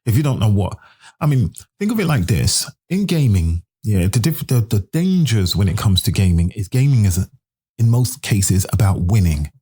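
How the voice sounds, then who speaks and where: A man's voice: fairly low pitch, very animated, moderate pace, warm tone, breathy edge. A man who is a gaming expert guest on a podcast, explaining earnestly in casual talk and murmuring agreement while the host speaks.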